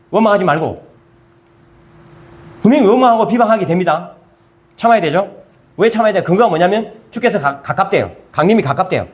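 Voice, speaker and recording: A man preaching a sermon, who asks the congregation questions, answers them himself and reads scripture in a measured way. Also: high-pitched. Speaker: pastor. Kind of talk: sermon, Bible review.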